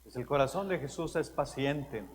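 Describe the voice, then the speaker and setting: Earnest priest preaching in a reverberant church. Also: male voice, mid-range voice, lively intonation, normal speed. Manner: earnest, emphatic storytelling with stressed key words. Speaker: pastor. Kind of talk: Sunday homily. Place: large church. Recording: long church reverb, faint room noise.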